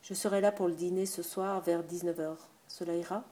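Woman reading a calm, polite male traveler. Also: fairly low pitch, natural voice. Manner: polite, measured, formal.

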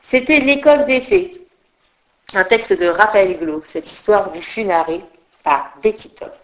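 A woman hosting a story blog, reading a children's tale aloud with expressive, dramatic delivery. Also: medium pitch, unhurried, rough recording. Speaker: host and storyteller. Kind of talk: storybook narration.

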